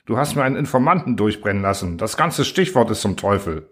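A man voicing a furious, bossy male engineer who shouts and berates his staff. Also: mid-range voice, expressive, moderate pace, breathy edge. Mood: fuming.

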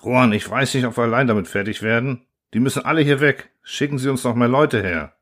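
A man's voice: medium pitch, quick pace, fairly bright tone, voice pushed up, close to an everyday voice. A man voicing a shaken male expedition officer reporting over the radio, breathless and agitated. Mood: urgent.

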